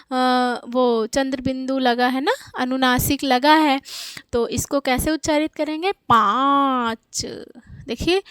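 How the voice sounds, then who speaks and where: Woman teaching Hindi, high voice, slow deliberate pace, dry close sound. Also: smooth, no room sound. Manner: drawn-out, slow enunciation of example words. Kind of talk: teaching children's Hindi lesson.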